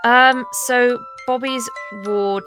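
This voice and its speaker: A woman's voice: a little high, fairly even intonation, drawn-out words, over music. A woman chatting casually as a player at a tabletop role-playing game, thinking her moves through aloud.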